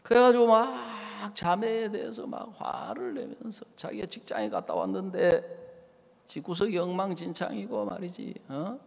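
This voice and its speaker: A man preaching as a pastor, telling a story with animated delivery and voicing the people in it. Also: high voice, moderate pace, gravelly, slightly rough. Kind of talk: sermon with acted-out anecdote. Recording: church hall reverb.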